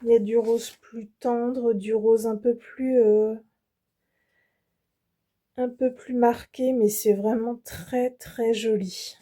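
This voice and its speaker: A woman's voice: a little high, steady tone, slow pace, dark tone. A French woman hosting her embroidery channel, showing off fabrics in a casual, hesitant way with many fillers and restarts. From France. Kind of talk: casual product show-and-tell.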